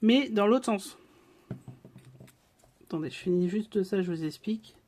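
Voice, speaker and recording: A woman leads a casual, hands-on craft tutorial. She chats freely as she works and keeps checking in with her viewers. Her voice sits at an ordinary middle pitch. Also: a little slow, a little mellow, a little hiss or hum. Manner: chatty, talks straight to viewers with frequent check-ins. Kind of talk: casual step-by-step craft demonstration.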